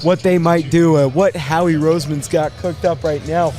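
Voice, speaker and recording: Higher-pitched man hosting live sports commentary. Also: steady tone, mellow, soft background music. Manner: halting, thinking aloud, repeats words. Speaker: draft show host.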